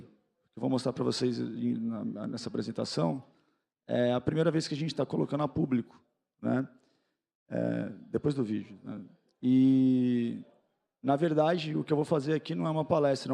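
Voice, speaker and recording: A Brazilian man giving an informal, unscripted talk at an event, sounding hungover, low-key and candid. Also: vocal fry, warm tone. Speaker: guest speaker, business founder. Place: on stage at an event, talking to an audience.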